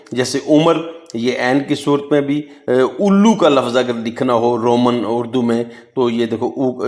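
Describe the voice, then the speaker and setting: A man's voice: mid-range voice, a little mellow. A man giving a phonics lesson, spelling words out letter by letter. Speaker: English teacher.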